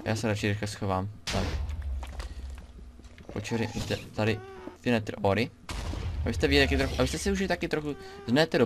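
A young man giving casual, chatty commentary while he plays a game, talking both to himself and to his viewers. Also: on the low side. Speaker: let's play gamer.

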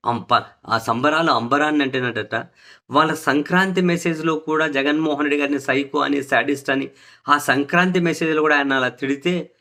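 Bright-voiced man giving sarcastic political commentary. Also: on the high side. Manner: sarcastic, indignant, repeats phrases for emphasis.

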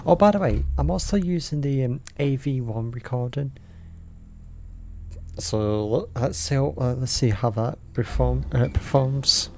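A man's voice: mid-range voice, unhurried, a little hiss or hum. A man casually commentating while playing a horror game, rambling and easily startled. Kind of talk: casual let's-play commentary. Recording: game music loud behind him.

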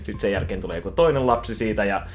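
A man casually retelling a cartoon film from memory, animated and quick to slip into voices. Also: on the low side, soft background music. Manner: animated, breaks into voices and laughter. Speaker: YouTuber.

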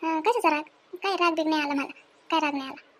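A woman, acting as a sharp-tongued, fearless village woman in an amateur family skit, scolding and teasing in quick speech. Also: high-pitched, slight background noise, lightly acted. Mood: scheming.

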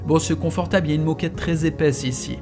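A man's voice: a little high, fast talker, music in the background. A man reading a novel aloud in the first person, in a casual, slangy storytelling manner. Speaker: audiobook reader.

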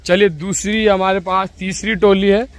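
With a high voice, a steady tone and a moderate pace, a young man narrates a walking vlog outdoors in rural fields and woods. He talks upbeat to viewers and interviews scout trainees, filming with a phone camera at arm's length.

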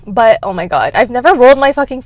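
A woman's voice: a little high, very animated, quick pace. A young woman chatting casually while eating in her car, full of "like"s and swear words, laughing often. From Canada. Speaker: mukbang vlogger. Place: inside a car, cars passing outside. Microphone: camera in a car.

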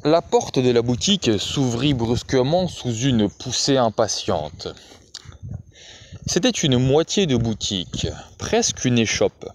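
A man narrating a classic literary novel in a measured, even storytelling manner. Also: mid-range voice, a little hiss or hum.

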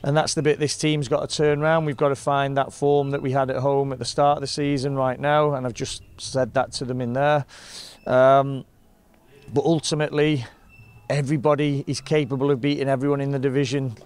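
A man, a football manager giving a measured, frustrated post-match interview outdoors. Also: medium pitch, little pitch movement, smooth. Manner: measured, frustrated, plain-spoken. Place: outdoors in front of a sponsor board.

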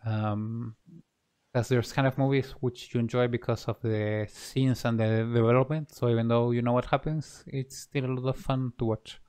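Smooth-voiced man. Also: mid-range voice, steady tone, moderate pace, darkish tone. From Chile. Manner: laid-back, hesitant with many fillers. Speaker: game developer. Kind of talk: casual live-stream chat.

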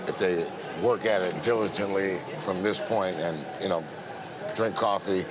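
A man's voice: sits low, a little slow, very noisy. A middle-aged man talking off the cuff as an airline supervisor, explaining a situation. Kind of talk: spontaneous explanatory talk. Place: large indoor airport gate. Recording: airport gate, loud music behind.

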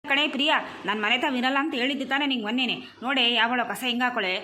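A woman's voice: high voice, rapid-fire, a little hiss or hum. A woman voicing a quarrelsome homeowner in a cartoon comedy, scolding and cursing her neighbours. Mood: furious. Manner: scolding, shouting curses at neighbours.

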